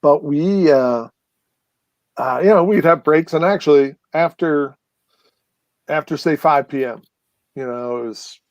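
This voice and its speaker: A man's voice: a little high, a little slow, long pauses, no echo, muffled recording. A man appearing as a guest, telling long stories in a casual, rambling way with many fillers and restarts. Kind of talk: casual storytelling chat.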